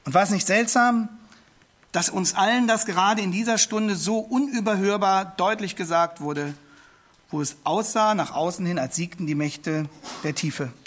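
A man's voice: sits high, moderate pace, a bit bright. A man preaching a sermon, retelling a story in an earnest, storytelling manner that rises to emphatic declamation.

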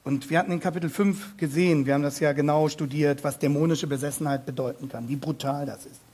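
A man preaching a sermon on a Bible passage, speaking emphatically, slowing down and repeating key words, and addressing his listeners directly with questions. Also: a little high, fairly even intonation, darkish tone, breathy edge.

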